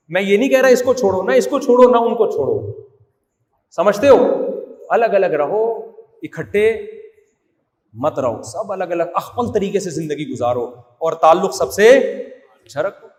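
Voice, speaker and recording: Man preaching in an echoey hall. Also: high voice. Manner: humorous, scolding, acts out quoted dialogue. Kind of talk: Friday sermon.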